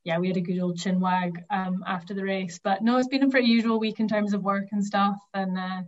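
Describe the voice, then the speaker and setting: A woman from the Highlands of Scotland with a Highland Scottish accent, chatting casually as a runner in an interview and thinking aloud. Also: steady tone, a little fast, highs cut off. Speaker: cross country runner being interviewed.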